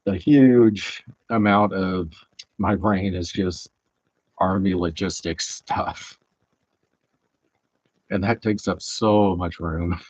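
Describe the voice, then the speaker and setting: A man with a Southern accent chatting casually while streaming, rambling and halting with lots of fillers, on a headset mic. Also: low voice, steady tone, darkish tone, no echo, muffled recording. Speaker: streamer building Lego. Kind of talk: casual live-stream chat.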